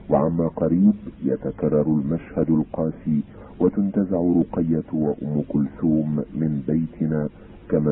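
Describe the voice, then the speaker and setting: A man voicing an anxious young girl in an audiobook, in a plaintive, pleading way. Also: rumbling low. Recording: tinny phone-like sound, faint hiss.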